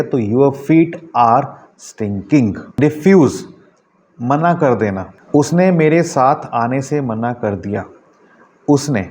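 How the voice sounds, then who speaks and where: A man teaching a vocabulary lesson, slowly dictating example sentences. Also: medium pitch, a little mellow. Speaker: English teacher.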